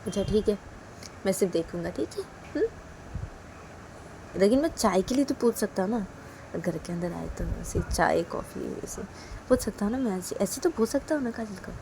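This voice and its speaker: A woman's voice: medium pitch, lively intonation, normal speed, long pauses, dark tone, a little hiss or hum, lightly acted. A woman voicing a playful middle-aged father who teases his daughter with mock innocence, in a told love story. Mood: teasing. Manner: joking, innocently insistent.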